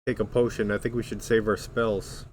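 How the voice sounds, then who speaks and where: Brief: male player, fairly low voice, plain practical talk. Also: flat delivery, moderate pace, a little mellow, slight background noise. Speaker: tabletop game player. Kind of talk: casual tabletop game chat.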